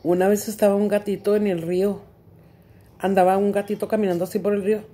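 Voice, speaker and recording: A middle-aged woman with a Mexican accent vlogs casually to her viewers from home, switching between English and Spanish, using crude slang and laughing a lot. Her medium-pitched voice is mellow and flat, and she talks fast.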